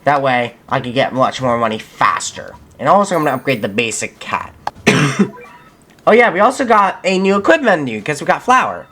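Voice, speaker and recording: A man's voice: mid-range voice, sing-song, normal speed, pushed and bright, slight background noise. A young man giving casual gameplay commentary as a channel host, thinking aloud and correcting himself mid-sentence. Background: faint game music.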